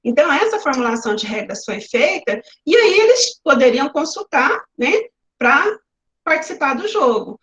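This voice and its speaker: A woman's voice: sits high, very animated, normal speed, a bit bright. A woman teacher with a Brazilian Portuguese accent, presenting classroom activities in an online lecture and explaining them step by step with examples. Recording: roomy, slightly muffled webinar audio.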